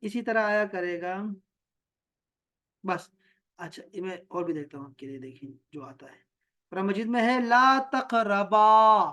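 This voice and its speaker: A man teaching an online Quran and Arabic grammar class over a video call. He recites short Arabic phrases slowly, then explains them patiently and checks his students' answers with questions. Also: high voice, fairly bright tone.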